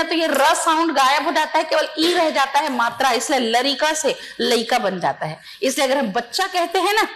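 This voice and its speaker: High-voiced woman teaching in a lecture. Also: fairly bright tone. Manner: explanatory, keeps asking "है ना?", acts out dialect phrases. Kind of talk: exam-prep lecture.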